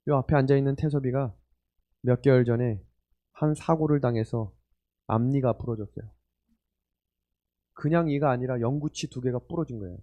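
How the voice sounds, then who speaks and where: A man's voice: medium pitch, normal speed, pauses often, muffled recording. A man in his forties preaching a sermon, telling a personal story and putting questions to his listeners in an earnest way. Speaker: pastor. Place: church hall or retreat meeting room.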